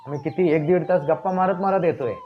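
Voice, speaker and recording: A man's voice: on the high side, fast talker, slight background noise, voice pushed up, lightly acted. A man voicing an insistent young man who has just come home, speaking in his own plain voice. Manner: insistent, pleading. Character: young man returning home, puzzled then angry. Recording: dull lo-fi recording with faint music.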